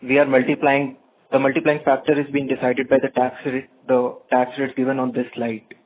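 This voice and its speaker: A man's voice: mid-range voice, flat delivery, a little hiss or hum. Man on a tinny phone line. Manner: inquisitive, deliberate questioning. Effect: over the phone. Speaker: caller, individual investor. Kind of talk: earnings call question.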